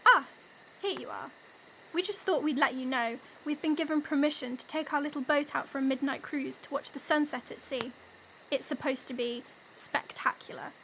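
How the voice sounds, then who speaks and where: A woman's voice: sits high, normal speed, creaky, bright, forceful tone, slight background noise, heavily acted. Young woman playing a sneering snobbish twin girl. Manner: sneering, taunting. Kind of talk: youth theatre audio play.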